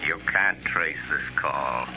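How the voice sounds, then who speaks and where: An actor playing a mysterious, mocking avenger in a theatrical, deliberate 1930s radio style. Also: male voice, a bass voice, vocal fry, faint music behind, full character voice. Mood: calm, commanding. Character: mysterious masked male avenger, commanding, menacing, mocking. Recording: muffled 1930s radio drama recording.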